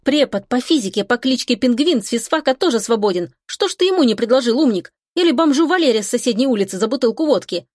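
A woman reads a young woman who is quick to anger and grumbles through her words, her voice lifted noticeably higher than the narration. The sound is close and dry, with no room around it. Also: darkish tone, dry recording, close to an everyday voice. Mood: indignant. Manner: snappy, indignant grumbling. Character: young woman, irritable and sharp-tongued. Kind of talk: audiobook character voice.

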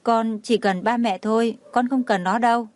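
A woman's voice: fairly high pitch, fairly even intonation, moderate pace, a little mellow, close to an everyday voice. A woman reading the lines of a tearful, jealous little girl in an audiobook, in a sobbing, aggrieved, pleading way.

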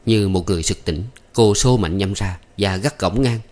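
A man narrating a story in a steady, measured audiobook reading. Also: deep voice.

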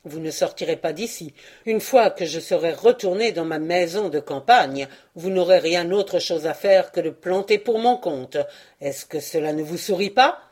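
A woman reading aloud and voicing an arrogant, drunken young lord who speaks in a loud, insulting, domineering way. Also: lowish voice, normal speed, lightly acted. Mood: scornful.

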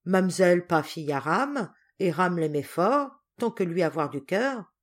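Loyal servant guy voiced by a woman, choppy broken french, slow and singsong. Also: medium pitch, big pitch swings. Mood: disapproving. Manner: clipped broken phrasing, slow and deliberate. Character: devoted adult male servant speaking broken French.

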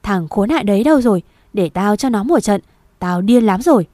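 Woman reader doing a shouting storybook father, harsh and scolding, mellow tone, dry close recording. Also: mid-range voice, lively intonation, moderate pace, no room sound, natural voice. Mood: furious. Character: harsh angry village father, middle-aged man.

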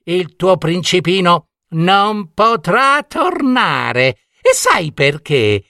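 A man's voice: very animated, extremely slow, creaky, bright, forceful tone, no echo, studio quality, exaggerated voice. A man playing a cackling wicked witch queen. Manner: cackling, mocking, shrill.

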